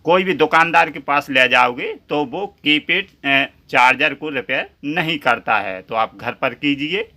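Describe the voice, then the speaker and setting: Man, repair tutorial host, chatty, bright tone, slightly high pitch. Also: measured pace. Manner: chatty, addresses viewers as friends.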